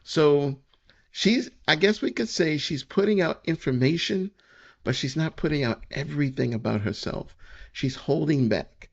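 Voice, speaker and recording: A man's voice: a little high, unhurried, creaky, highs cut off. A man giving casual reaction commentary, opinionated and repeating his points.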